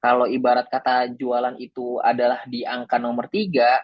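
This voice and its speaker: A man's voice: medium pitch, completely flat delivery, moderate pace, no room sound, muffled recording. Playful man teaching a sales webinar. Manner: playful, teasing, chatty with asides. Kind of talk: joking marketing webinar talk.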